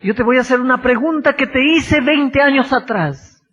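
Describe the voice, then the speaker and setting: A man preaching who voices Christ, speaking softly and tenderly to Jacob as a father would. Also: moderate pace, dull audio. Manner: soft, low, tender. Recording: echoey church hall.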